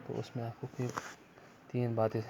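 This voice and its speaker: A middle-aged man teaching children a lesson, repeating key words and coaxing his pupils, reading textbook lines slowly before explaining them. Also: medium pitch, completely flat delivery, creaky, background noise. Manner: repetitive, coaxing, calls pupils "beta". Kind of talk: classroom lesson for children, Urdu mixed with English.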